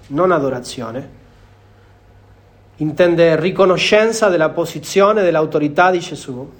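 A man with a notably high voice delivers a sermon as a preacher. He speaks earnestly, restating key phrases for emphasis as he explains the passage to his listeners.

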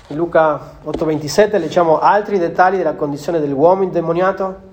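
High-voiced man preaching a sermon. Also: a little fast, darkish tone, a little hiss or hum. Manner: earnest, repeats phrases for emphasis.

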